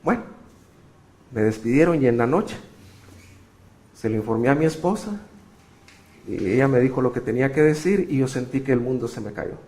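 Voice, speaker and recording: A middle-aged man preaching a sermon, telling a personal story with sudden swings between loud emphasis and hushed passages. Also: mid-range voice, moderate pace, long pauses. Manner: animated, shifting sharply between loud emphasis and quiet. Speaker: pastor.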